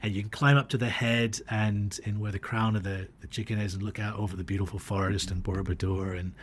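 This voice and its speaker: A man with a lowish, fairly flat voice speaks at a quick pace over a faint hiss or hum. Born in Australia and raised across the US and Dubai, he shares anecdotes as a podcast guest, sounding reflective, hesitant and conversational.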